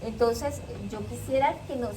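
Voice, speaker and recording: A woman hosting a relaxed podcast interview, her voice high, pausing often to hunt for words. The mic sits back from her and a clear noise bed runs under the talk. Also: recorded from a distance. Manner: halting, searching for words. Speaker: podcast host. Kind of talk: casual interview chat.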